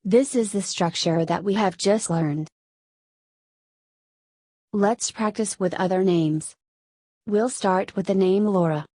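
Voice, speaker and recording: A Spanish woman, a native Spanish speaker, explaining Korean grammar in English with a Spanish accent, in steady step-by-step scripted narration. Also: mid-range voice, slow, pauses often, dry recording. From Spain. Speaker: Korean language teacher.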